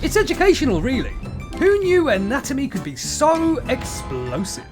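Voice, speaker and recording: A man's voice: extremely high pitch, huge pitch swings, moderate pace, music in the background. Sarcastic man reviewing a video game. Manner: sarcastic, punchy, jokey delivery. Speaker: game reviewer, channel host. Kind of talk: scripted comedic review narration.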